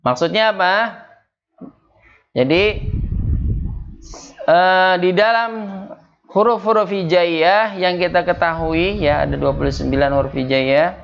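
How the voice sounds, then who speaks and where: A man leads a tajwid lesson at a home gathering, taking his time and spelling out each Arabic letter for the students. His voice is smooth and resonant, on the higher side. The recording sounds dull and lo-fi. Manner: slow, patient drilling of Arabic letters, quizzing students. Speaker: Quran recitation teacher.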